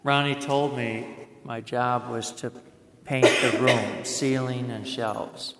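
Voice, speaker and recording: A man preaching a sermon, telling a story in a plain-spoken way and slowing down to stress words. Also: mid-range voice, steady tone, noisy background. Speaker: pastor. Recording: echoey hall.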